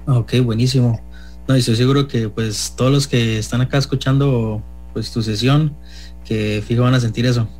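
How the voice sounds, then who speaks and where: Radio host dude, mid pitch, chatty and quick, soft music under. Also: male voice, fairly even intonation. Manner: quick, chatty, with "este" fillers. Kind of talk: casual radio interview.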